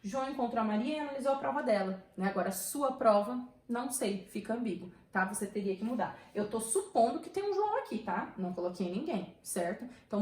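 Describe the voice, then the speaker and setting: A woman's voice: fairly high pitch, reverberant, poor audio. A woman with a Brazilian Portuguese accent who teaches a grammar lesson in a chatty way and keeps checking in with her students. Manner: chatty, checks in often with tag questions.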